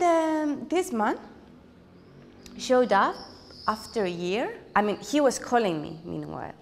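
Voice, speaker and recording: A woman's voice: medium pitch, gravelly. A woman telling a personal story in a documentary interview, reflective and hesitant, often restarting her sentences. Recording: long hall reverb.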